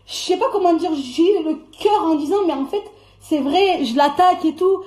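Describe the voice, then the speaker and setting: A young woman's high voice rants angrily into a phone during a live stream. She swears freely and jumps from loud outbursts to low, grumbling asides. Her heated talk barrels on without pause. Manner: angry, swearing, swings between shouting and muttering.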